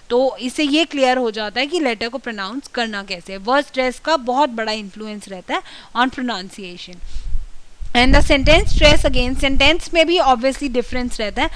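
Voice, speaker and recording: A woman, an English communication trainer giving a classroom lecture and saying example words slowly and carefully. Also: sits high, a bit bright, clean tone. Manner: explains in mixed Hindi and English, slow careful example words.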